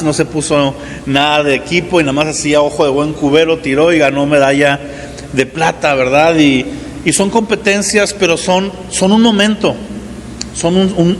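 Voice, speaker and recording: A man in his forties preaching a sermon as pastor, talking in a relaxed conversational way and often checking in with the congregation. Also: on the high side, big-room sound, slight background noise. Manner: conversational preaching with frequent "¿verdad?" asides. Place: church hall.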